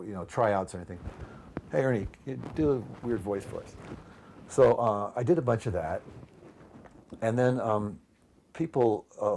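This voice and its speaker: A man's voice: lowish voice, a little mellow, a little hiss or hum. A man telling anecdotes in a casual interview, meandering with lots of ums and restarts.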